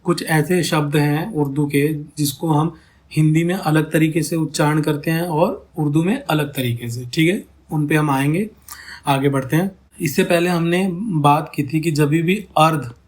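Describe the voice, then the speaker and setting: In a lesson on ghazal syllable counting, a fairly high-pitched man explains each step and sounds out words slowly so listeners can hear them. "Theek hai" and "hai na" come up often as he checks in.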